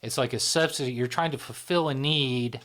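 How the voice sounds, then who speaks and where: Hosting a podcast, a man with a medium-pitched, fairly bright voice explains things casually at normal speed. His delivery is loose and rambling, packed with fillers and tag questions.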